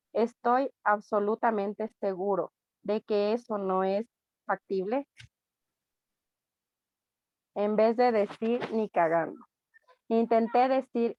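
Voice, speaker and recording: A woman with an Ecuadorian accent, a student reading a text aloud in class, steady with small slips. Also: fairly high pitch, no room sound, dull audio. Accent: Ecuadorian Spanish.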